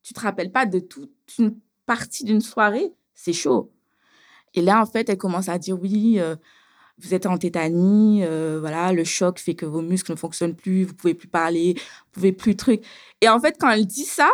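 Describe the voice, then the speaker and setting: Woman, interview guest, casual storyteller; animated, fillers and repeats, mid-pitched. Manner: animated, hesitant with frequent fillers and repetitions.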